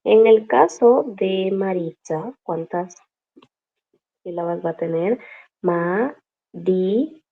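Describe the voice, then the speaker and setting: Slow, patient woman teaching a class. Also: mid-range voice, phone-quality sound. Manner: patient, explains step by step, asks "¿sí?" often. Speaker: Korean language teacher.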